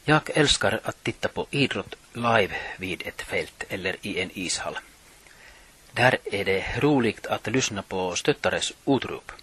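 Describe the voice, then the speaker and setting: A middle-aged man presenting a radio show, reading his script in a measured, plain way. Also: lowish voice, lively intonation, a bit bright, breathy edge. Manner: reads from notes, measured and plain.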